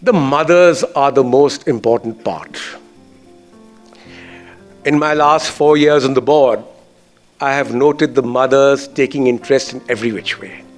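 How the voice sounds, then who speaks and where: A man's voice: medium pitch, measured pace, pauses often, faint music behind. A man with an educated, posh Indian English accent gives a formal speech as a school chairman, earnest and emphatic in his phrasing.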